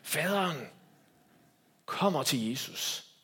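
Danish pastor preaching with sweeping swings. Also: male voice, on the high side, expressive, breathy edge. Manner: preaching with wide swings from loud to hushed. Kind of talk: sermon.

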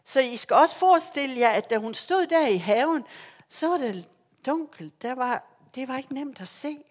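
A woman preaching a sermon, telling the story with feeling and acting out the lines of the people in it. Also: sits high. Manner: animated storytelling, acting out quoted voices.

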